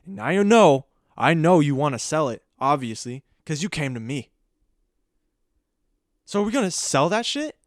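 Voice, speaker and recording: A man's voice: medium pitch, steady tone, normal speed, long pauses, fairly bright tone, dry recording, clean studio sound, lightly acted. A young man playing a pushy, swearing pawnbroker who haggles bluntly.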